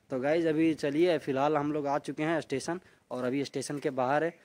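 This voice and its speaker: A man's voice: mid-range voice, mellow. A young man from India with a Jharkhand Hindi accent, talking casually as he walks around a small railway station for his vlog, saying "guys" often. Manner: chatty, repeats "guys" often. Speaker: vlogger. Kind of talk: casual walking travel vlog.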